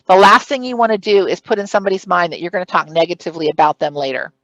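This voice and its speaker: This recorded career-advice talk has a woman with a fairly low, steady, slightly bright voice leading a conference session on preparing for interviews. She talks very fast and projects strongly, setting out emphatic numbered points, captured lo-fi with no echo.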